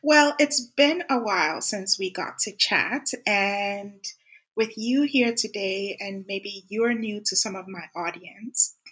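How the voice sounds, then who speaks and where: Husky-voiced woman podcast host. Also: mid-range voice, animated, slow pace, a bit bright. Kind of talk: casual podcast interview.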